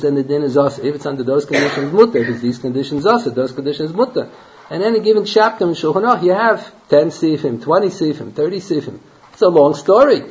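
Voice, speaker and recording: Guy rabbi teaching torah class, kinda high voice, lots of rhetorical questions, hebrew words thrown in, muffled lo-fi recording. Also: darkish tone. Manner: conversational, asks rhetorical questions, peppers English with Hebrew and Yiddish terms. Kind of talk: Torah lecture. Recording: dull lo-fi lecture recording.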